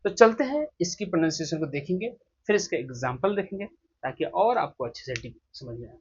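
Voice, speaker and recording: Indian male teacher, husky and a little breathy, dull recording, drills sounds slowly. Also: a little high, big pitch swings. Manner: explains step by step and models sounds slowly. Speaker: English pronunciation teacher. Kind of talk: pronunciation lesson.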